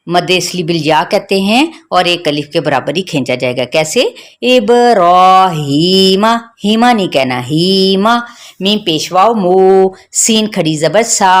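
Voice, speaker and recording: A woman teaching Quran recitation, patiently spelling out each letter and then blending the syllables in a slow drill. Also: on the low side.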